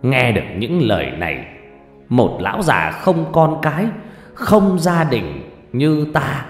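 A man voicing a gentle, dying old male sorcerer master who talks slowly and weakly, in a storybook narration. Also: mid-range voice, sing-song. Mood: tender. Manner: slow, weak and drawn-out speech. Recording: roomy reverb with faint music.

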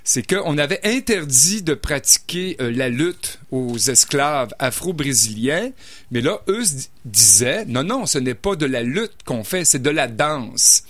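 A man's voice: medium pitch, lively intonation, unhurried, fairly bright tone, dry recording. A man reviewing novels in casual radio chat, hesitant, with many fillers and restarts. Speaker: book reviewer.

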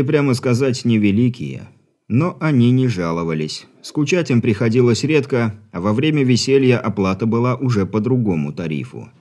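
A man narrating an audiobook with an even, wry storytelling manner. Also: mid-range voice. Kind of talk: scripted narration.

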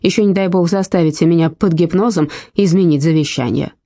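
A woman's voice: on the low side, fairly quick, dark tone, no room sound, clean studio sound, lightly acted. A woman voicing a rude old woman of 86. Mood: cutting. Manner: blunt, cutting. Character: rude sharp-tongued 86-year-old woman.

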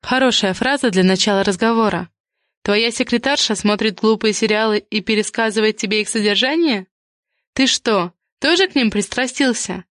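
A woman's voice: medium pitch, normal speed, a bit bright, no room sound, clean studio sound, natural voice. A woman reading the part of a sarcastic wife in an audiobook, cool and cutting. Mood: mocking.

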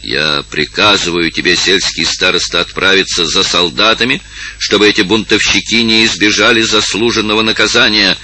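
A man's voice: low-pitched, steady tone, normal speed, sharp tone, full character voice. A man reading aloud and voicing a haughty male duke who gives cold commands. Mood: commanding.

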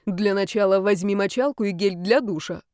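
A woman's voice: medium pitch, moderate pace, darkish tone, no room sound, clean studio sound, close to an everyday voice. A woman reading a storybook, voicing a bossy, sarcastic young woman who gives stern, icy commands.

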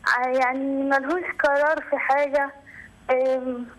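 A woman's voice: high voice, level tone, moderate pace, fairly bright tone, rough recording. An Egyptian woman in her twenties calling in to a show, earnest and grateful, a little hesitant. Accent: Egyptian Arabic. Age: 20s. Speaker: caller. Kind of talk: phone-in call.

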